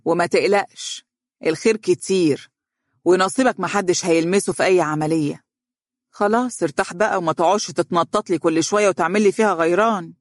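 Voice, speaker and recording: A man voicing a haughty, sharp-tongued Egyptian businesswoman. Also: high voice, fairly even intonation, brisk, dry recording, clean studio sound, lightly acted. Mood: scornful. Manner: sharp, scornful, domineering. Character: bossy, haughty businesswoman, adult. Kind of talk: audiobook character reading.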